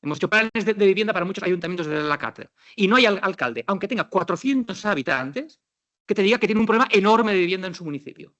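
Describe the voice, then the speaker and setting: A middle-aged man from Spain giving a lively, ironic conference talk on housing law, acting out quoted dialogues. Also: sits high, fast talker, muffled recording.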